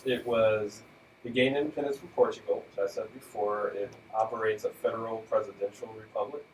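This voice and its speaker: A man's voice: fairly low pitch, brisk, reverberant, far from the mic, slight background noise, low-quality recording. A man co-hosting a radio talk show, casually presenting facts with fillers and light chuckles. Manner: relaxed, fact-reciting with fillers and light chuckles.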